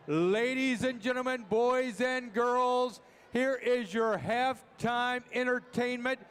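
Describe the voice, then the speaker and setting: A man making halftime announcements over a PA system in a gym, calling people to the court and introducing the dancers in a drawn-out announcer delivery. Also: high voice, fairly bright tone. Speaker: arena PA announcer. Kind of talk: halftime public address announcement.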